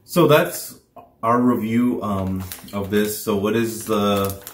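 A man in his thirties chatting casually to camera as a co-host, in a hesitant, halting way. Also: fairly low pitch, a little hiss or hum. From Chicago, US. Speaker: food review co-host and channel presenter. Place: indoors, small room on a sofa. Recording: echoey room sound.

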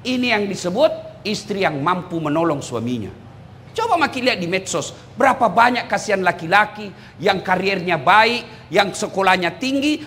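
A middle-aged man preaching a humorous sermon with a Makassarese Indonesian accent, teasing and animated, rising to shouts. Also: high voice, slight background noise. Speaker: Islamic preacher.

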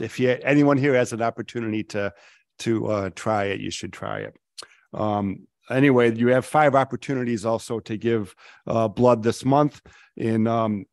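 A middle-aged man, a city councilor, giving his report at a council meeting, rambling with many ums and clear enthusiasm. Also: medium pitch, darkish tone, no room sound, studio quality. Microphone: table microphone.

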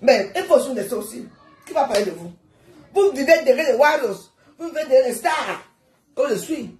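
A woman, hosting a heated live stream and scolding her viewers with rapid rhetorical questions. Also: high-pitched, animated, darkish tone, roomy sound, a little hiss or hum.

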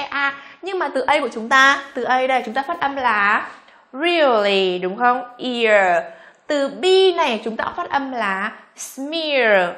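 A fairly high-voiced young woman with a Vietnamese accent leads a pronunciation lesson. She stretches out each example word slowly and keeps checking with her students. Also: fairly bright tone. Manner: slow, drawn-out modeling of words, quizzing students. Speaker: English pronunciation teacher.

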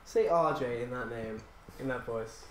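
A man's voice: mid-range voice, measured pace, a bit bright, roomy sound, slight background noise, low-quality recording. A man co-hosting a gaming video, teasing his friend with dry banter. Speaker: co-host. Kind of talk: casual gaming commentary.

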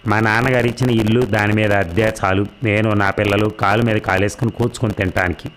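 A man voicing a proud, domineering middle-aged wife who answers with drawling, haughty retorts, in his own low voice. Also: fairly even intonation, fast talker, a bit bright, slight background noise, close to an everyday voice.

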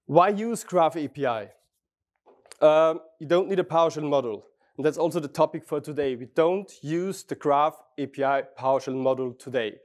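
A middle-aged Austrian man with a German-speaking accent gives a friendly, chatty technical talk from a stage in a large conference hall. His voice runs on the high side at a normal speed, and he often restarts phrases and quizzes the audience.

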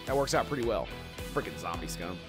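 A man's voice: deep voice, sing-song, fast talker, over music. A man casually commentating his strategy game on a live stream, swearing and groaning at his own mistakes.

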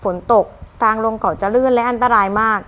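A woman voicing a cold, teasing young rich husband in a dramatic manga reading, talking curtly and loudly. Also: on the high side, a little fast, close to an everyday voice. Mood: gentle.

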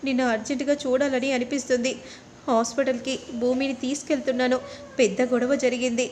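Worried mom, anxious and pleading, a woman doing her voice, kinda high. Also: flat delivery, a little fast, a little mellow, a little hiss or hum, lightly acted. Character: worried distressed mother.

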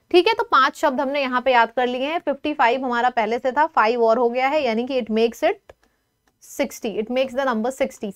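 Lively high-voiced woman teacher. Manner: lively, coaxing, asks students questions. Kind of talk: online vocabulary lesson.

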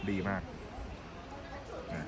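A man's voice: drawn-out words, over loud music, rough recording. A man giving casual, chatty travel commentary outdoors by a mountain river, thinking aloud as he walks and tastes food. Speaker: travel vlogger. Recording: loud outdoor background noise.

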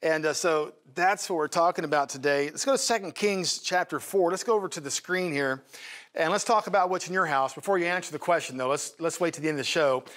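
Guy teaching on a show, kinda high voice, gets really animated. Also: fast talker. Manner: animated, acts out Bible voices. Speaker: host and teacher.

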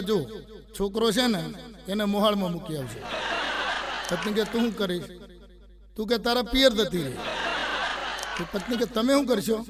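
A middle-aged man with a Gujarati accent, telling comic stories and voicing the people in them. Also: sits high. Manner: storytelling with voiced quotes of characters. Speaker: comedian telling jokes. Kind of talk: Gujarati stand-up joke telling. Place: recording studio.

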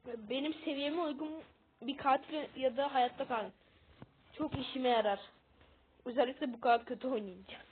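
A woman with a high voice talks through her game in casual commentary. She is excitable and quick to mock her own losses. The audio is narrow and tinny, like a phone line. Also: a little hiss or hum. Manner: excitable, self-mocking about losing. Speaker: gamer.

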